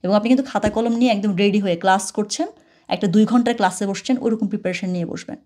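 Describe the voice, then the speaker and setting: A woman's voice: mid-range voice, quick pace, warm tone. A woman teaching a language lesson over a screen share, chatty, slipping into English phrases and repeating words after the audio.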